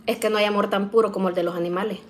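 A woman's voice: mid-range voice, fairly even intonation, rapid-fire, slight background noise. A middle-aged woman, chatting casually with viewers while cooking in her home kitchen, often tagging her sentences with "¿verdad?". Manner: chatty, addresses viewers as "niñas", frequent "¿verdad?" tags. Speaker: vlogger.

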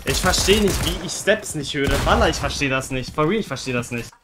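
A man's voice: fairly high pitch, expressive, fairly quick, background noise. A young man streaming a game in slangy speech, talking casually while exerting himself doing push-ups. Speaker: gaming streamer. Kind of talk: excitable casual livestream gaming commentary.

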